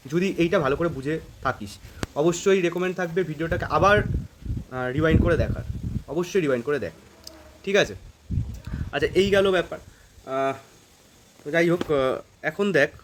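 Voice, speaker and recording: A man's voice: a little high, slight background noise. A man teaching calculus in a casual, informal way, thinking aloud as he works through problems. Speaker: math teacher. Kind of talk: informal math lesson.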